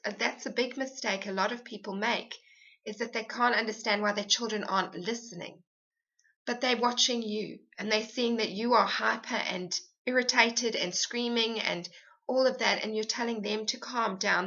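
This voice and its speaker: Bright-voiced woman giving earnest advice. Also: medium pitch, muffled recording. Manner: earnest, steady, explanatory. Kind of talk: podcast advice monologue.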